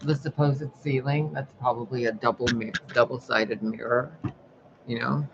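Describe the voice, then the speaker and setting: Man, casual vlog monologue, profane, rambling, dull lo-fi sound, steady background noise. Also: mid-range voice, normal speed, vocal fry. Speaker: spiritual sign reader.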